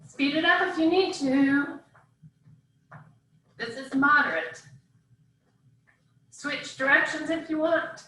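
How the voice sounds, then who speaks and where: High, bright woman coaching a workout, very echoey. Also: steady tone, slow pace, long pauses. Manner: short imperative cues, encouraging. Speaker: fitness instructor leading a workout class. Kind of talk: live group workout coaching, cueing and counting down. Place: indoors, live video call class. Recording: echoey room, far from mic, faint noise.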